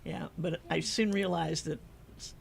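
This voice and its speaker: This is a middle-aged woman from the Midwest hosting a laid-back radio interview. She is chatty, friendly and quick to laugh, and her voice has a gravelly edge. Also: sits low, steady tone, over a noisy crowd. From American Midwest. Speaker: radio show host.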